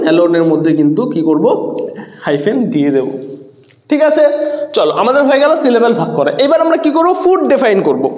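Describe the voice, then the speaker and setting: A man's voice: extremely high pitch, a little mellow. A male teacher giving a classroom lesson in short steps, often asking the class questions and spelling words out letter by letter. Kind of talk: exam-oriented classroom lesson. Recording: echoey room with long reverb.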